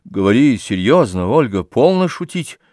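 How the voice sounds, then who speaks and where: A man reading aloud and voicing an anxious, impatient gentleman who keeps pressing with worried questions. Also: mid-range voice, sing-song, normal speed, no echo, studio quality, close to an everyday voice. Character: anxious, fretful gentleman suitor.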